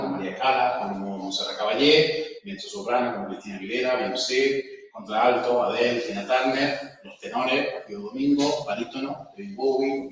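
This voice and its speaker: Male workshop instructor, explanatory and demonstrative, distant mic in a very echoey hall. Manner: explanatory, demonstrates pitch exercises aloud, frequent "¿vale?". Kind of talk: lecture with vocal demonstrations. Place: lecture room. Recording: echoey room, voice from far off.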